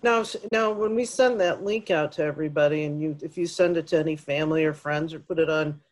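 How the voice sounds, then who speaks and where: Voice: mid-range voice, fast. Easygoing meeting organizer. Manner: easygoing, encouraging, conversational. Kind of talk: casual meeting talk.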